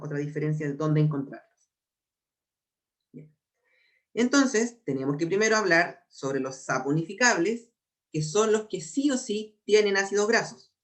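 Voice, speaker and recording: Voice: medium pitch, a bit bright. Chilean biology teacher explaining patiently. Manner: patient, explanatory, repeats key terms slowly. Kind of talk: exam prep class lecture.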